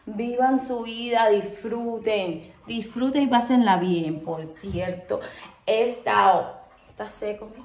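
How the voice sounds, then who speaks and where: Speaking slowly in a somewhat high, darkish voice, this young vlogger from Cuba talks casually and expressively to her viewers, whom she calls "my love." She has a Cuban Spanish accent and records indoors at home, in a room with noticeable echo.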